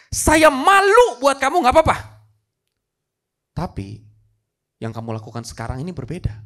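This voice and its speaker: A man's voice: medium pitch, lightly acted. Stern grieving old king, as a preacher tells it. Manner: pleading then stern. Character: grieving old king sentencing his own son.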